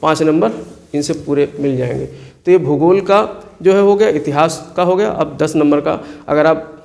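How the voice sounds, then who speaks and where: A man's voice: on the high side, moderate pace, gravelly, darkish tone. A male tutor from walks students through exam map work. He keeps asking questions and answering them himself, repeating every place name so it sticks. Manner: repeats key place names for drilling. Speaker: teacher.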